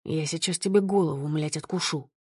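A woman reader voicing a ruthless, short-tempered male boss who growls and barks his lines in a lowered voice. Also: a little fast, darkish tone, dry recording, clean studio sound, natural voice. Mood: snarling. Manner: growling, barking.

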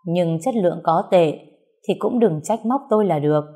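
A woman voicing a calm, proud male craftsman held captive, speaking curtly and evenly, in a storybook reading. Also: lowish voice. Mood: cool. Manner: cool, curt, measured.

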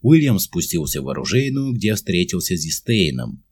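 A man narrating a fantasy story aloud in an expressive storytelling manner. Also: low voice, moderate pace, slightly rough, no echo. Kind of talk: audiobook narration.

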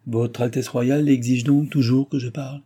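A man's voice: medium pitch, little pitch movement, normal speed, mellow, slightly rough, lightly acted. A man reading aloud, voicing a grave, menacing sorcerer who speaks solemnly.

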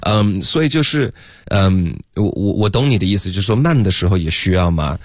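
A man's voice: low-pitched, animated, a little fast, darkish tone, no room sound, studio quality. A man teaching pronunciation on a radio lesson, explaining patiently and switching between English and Chinese. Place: radio studio.

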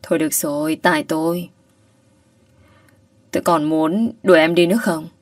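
A woman voicing a soft-spoken young male teacher. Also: low voice, steady tone, moderate pace, no room sound, clean studio sound, far from the mic, close to an everyday voice. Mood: tender. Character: gentle young man, a teacher in love.

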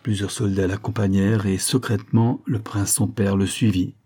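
A man reading a literary tale aloud in a measured audiobook style. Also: lowish voice, fairly even intonation, mellow, slightly rough. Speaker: narrator.

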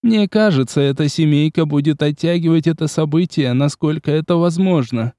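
A man voicing a nervous noblewoman who turns shrill and screeching when frightened. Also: normal speed, dark tone, no echo, clean studio sound, lightly acted. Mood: worried.

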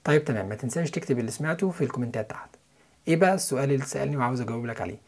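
A man's voice: medium pitch, lively intonation, rapid-fire, a little mellow. A man with an Egyptian Arabic accent, explaining English pronunciation step by step as a listening-course teacher.

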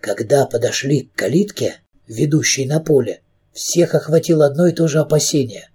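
Expressive audiobook narrator, man, husky and mellow. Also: on the high side, moderate pace. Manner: expressive storytelling.

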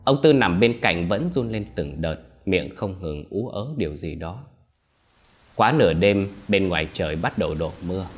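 A man's voice: low-pitched, lively intonation, normal speed. A man reading a horror story in a dramatic, tense way. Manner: dramatic, tense, rises into shouted cries for quoted lines. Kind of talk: scripted horror story narration.

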